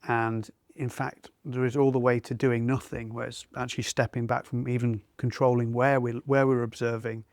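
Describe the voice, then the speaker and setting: A male mindfulness teacher in easygoing conversation. He gropes a little for words as he explains. His voice is average in pitch, and the sound is dry and close. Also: flat delivery, moderate pace, few pauses, dry recording. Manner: thoughtful, searching for words. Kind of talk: conversational discussion.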